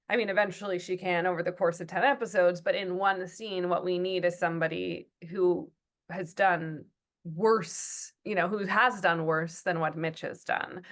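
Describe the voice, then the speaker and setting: Thoughtful woman with a lowish voice. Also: a bit bright. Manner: thoughtful, many fillers and restarts, acts out quotes. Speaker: TV writer and producer, guest. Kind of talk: conversational interview.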